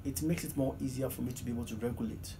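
A Ghanaian man in his thirties answers questions in an earnest, halting way, full of fillers and restarts. His voice sits at an ordinary pitch. He was recorded by a camera across a small office, with clear background hiss. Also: fairly even intonation. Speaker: PhD student guest. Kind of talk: interview answers. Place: small office, seated in desk chair. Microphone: far camera, low angle. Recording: noisy room recording.

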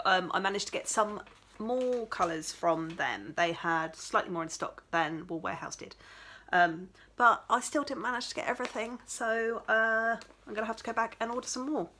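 In her small craft room at home, a tired, chatty woman shows off yarn for her crochet vlog, rambling with plenty of fillers. Her voice is fairly low, pushed and bright, with a little hiss or hum in the recording.

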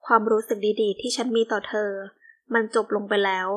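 A woman's voice: on the high side, steady tone, fairly quick, close to an everyday voice. A woman voicing a bitter young military officer who speaks coldly and scolds harshly, in an audio novel. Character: cold harsh young man, bitter soldier.

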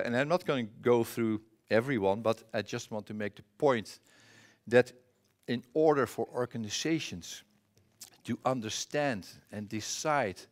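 In a conference room, a middle-aged man from the Netherlands presents casually on a presentation mic in a medium-pitched voice with a Dutch accent. He often stalls with fillers and starts sentences over.

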